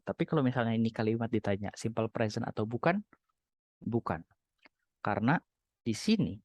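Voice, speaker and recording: A young man with an Indonesian accent teaches English grammar in a recorded lecture. His voice sits in a middle register, and he slows down deliberately to model example sentences. The sound is dry and close to the mic. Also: medium pitch, a little mellow, no room sound, muffled recording.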